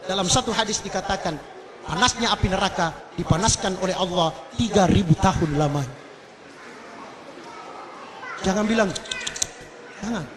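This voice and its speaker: Male preacher, very high voice, fervent sermon with a crowd heard behind. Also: normal speed, pauses often. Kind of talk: sermon at a mass religious gathering. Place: large public gathering.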